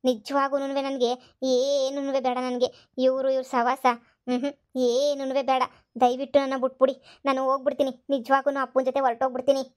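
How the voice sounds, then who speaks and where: A woman's voice: high-pitched, level tone, fairly quick, a little mellow, natural voice. A woman voicing a scheming young fake daughter who pleads tearfully. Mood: pleading. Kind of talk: cartoon voice acting.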